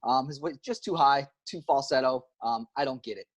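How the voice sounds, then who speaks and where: A man's voice: mid-range voice, moderate pace. A middle-aged man being interviewed as a guest, chatting in an easygoing, laid-back way. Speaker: guest, teacher and guitarist. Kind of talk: casual interview chat.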